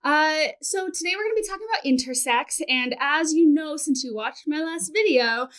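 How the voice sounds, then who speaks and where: A woman's voice: high voice, moderate pace, fairly bright tone. A woman hosting an educational interview, using short prompts and affirmations. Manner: friendly, brief prompts and affirmations. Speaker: host.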